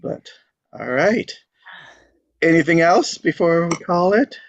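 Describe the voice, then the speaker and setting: Taking his time, the table-read host rambles informally through casual group chat, often quoting his own thoughts aloud. His voice is a little high, and the recording is dry and lo-fi.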